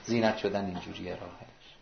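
Gravelly, exhorting male preacher. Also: low voice, fairly even intonation, a little hiss or hum. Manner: emphatic, exhorting, with sudden rises and hushed drops. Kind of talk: sermon. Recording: roomy lo-fi recording.

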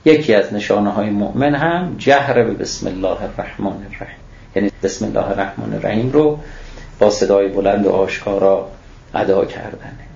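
With a lowish, gravelly, slightly mellow voice, a man gives a scripture lecture, reciting Arabic phrases before explaining them. He asks rhetorical questions and responds to them himself, and the audio is echoey and dull.

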